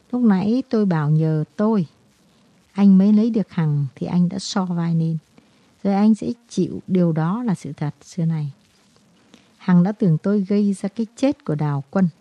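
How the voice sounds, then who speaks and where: A woman voicing a guilt-ridden, despairing man who confesses in a halting, brooding way, in a storybook reading. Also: fairly low pitch, no room sound, highs cut off, lightly acted.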